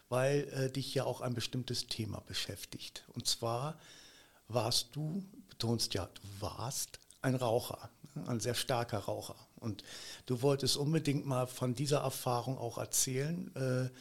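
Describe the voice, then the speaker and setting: A man's voice: medium pitch, gravelly. Man hosting a podcast, prompting questions. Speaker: podcast host. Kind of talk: casual interview talk.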